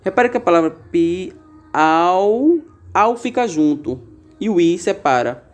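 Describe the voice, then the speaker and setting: A man's voice: sits high, sing-song, fairly quick. A man teaching a grammar lesson, explaining patiently and drawing out example words, with frequent fillers. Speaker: Portuguese teacher.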